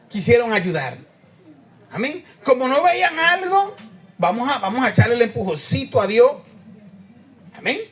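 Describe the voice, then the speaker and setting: High voiced preacher guy, chatty sermon, keeps asking the room stuff and saying amen. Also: a bit bright. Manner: conversational, questioning the congregation, says amen often. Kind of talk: sermon with congregation.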